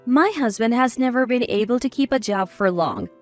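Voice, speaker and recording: A woman in her sixties telling a first-person story in a measured, confiding way. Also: a little high, lively intonation, soft background music. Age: 60s. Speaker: narrator.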